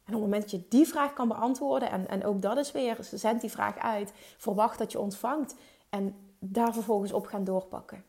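A woman's voice: medium pitch, steady tone, normal speed, a little mellow. A woman coaching entrepreneurs in an emphatic motivational monologue, dropping English phrases into her talk. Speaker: business coach.

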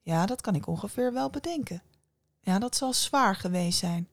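A woman voicing a wise old witch who talks softly and matter-of-factly in a storybook tale. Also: mid-range voice, animated, no echo, natural voice. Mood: calm. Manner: soft, unhurried, matter-of-fact. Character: wise old female witch, calm, knowing.

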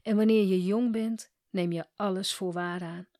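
Calm woman narrating a coaching story. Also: medium pitch, no room sound, clean studio sound. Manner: calm, measured reading. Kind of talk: scripted narration.

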